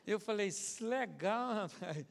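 High-pitched animated pastor man. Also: slow pace, gravelly. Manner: animated, mimics others, swings from shouting to muttering. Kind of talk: humorous evangelical sermon. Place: large church hall. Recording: church hall with long reverb.

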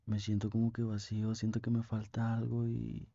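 A young man with a Mexican accent playing a tender, lovesick boyfriend on a call in an ASMR role-play, speaking intimately with pauses. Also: lowish voice, monotone, creaky, warm tone, no room sound, lo-fi sound. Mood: longing. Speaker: ASMR performer.

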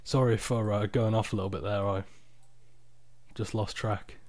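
Tired man, screen-recording tutorial narrator, lowish voice, dry close sound, hesitant with fillers. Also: steady tone, moderate pace, darkish tone, no echo. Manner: hesitant, many fillers and restarts. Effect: screen-recording narration over a desktop capture. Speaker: software tutorial presenter. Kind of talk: screen-recording voice-over walkthrough. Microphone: external microphone.

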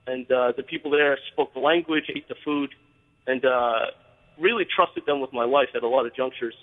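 A man's voice: medium pitch, normal speed. A man calling in to a radio show over the phone, talking earnestly with many fillers and restarts. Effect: call-in phone line on air. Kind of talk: call-in radio chat. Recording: tinny phone line with long reverb.

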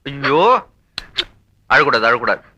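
An actor playing a forest officer in a 1980s film, talking in teasing, playful banter. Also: male voice, mid-range voice, steady tone, a little slow, pushed and bright, lo-fi sound.

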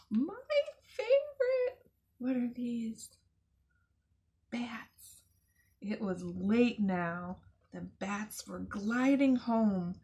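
Slow, expressive woman reading to kids, storytime with friendly asides. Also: mid-range voice. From United States. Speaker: zoo educator. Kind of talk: children's storytime read-aloud.

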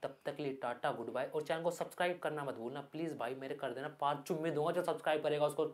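A man giving loud, excited Hindi gameplay commentary as a gaming YouTuber. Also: a little high, quick pace. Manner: loud, hyped, yelling at the game.

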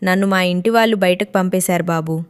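Woman reading a frail, kind old grandfather, soft-spoken, storybook style. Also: on the low side, fairly quick, clean tone, natural voice. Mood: pleading. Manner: soft, pleading.

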